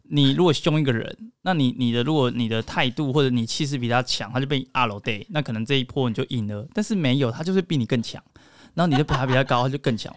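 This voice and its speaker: A man's voice: medium pitch, no echo. Joking man in a casual chat. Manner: joking, rambling, laughs often. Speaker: podcast co-host.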